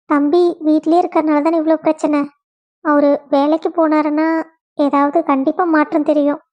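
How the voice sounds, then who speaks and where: A woman's voice: high-pitched, a little mellow, dull audio, natural voice. A woman voicing a caring young daughter-in-law with a Kongu Tamil accent, asking anxious questions. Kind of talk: family drama acting.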